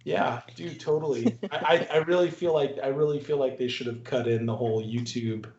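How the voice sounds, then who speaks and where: A man's voice: mid-range voice, a little fast, darkish tone, slight background noise. A man hosting a podcast in casual movie talk, rambling and restarting, often laughing. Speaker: podcast host. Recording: roomy, dull recording.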